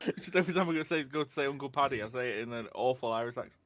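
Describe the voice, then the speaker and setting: A man talking casually as a player in a tabletop game, explaining in a halting way with many restarts. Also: mid-range voice, dull audio, a crowd in the background. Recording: noisy home mic with typing.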